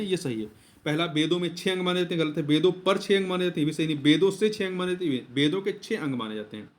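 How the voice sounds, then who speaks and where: A male teacher going through exam questions one by one, repeating key words and asking and answering his own questions. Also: a little high. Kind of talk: explaining Hindi exam answers.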